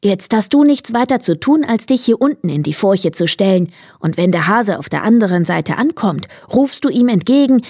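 A woman's voice: medium pitch, lively intonation, moderate pace, few pauses, a little mellow, no room sound, studio quality. A woman voicing a sly, clever male hedgehog in a read-aloud fairy tale, with a confident, cunning manner. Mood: scheming.

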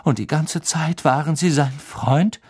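A betrayed teenage wizard boy, his voice strained and accusing, as a narrator plays him. He stays close to the reader's own voice, just a little lifted, in a slow storybook reading. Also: on the high side, darkish tone, breathy edge, pitched above the performer's own voice.

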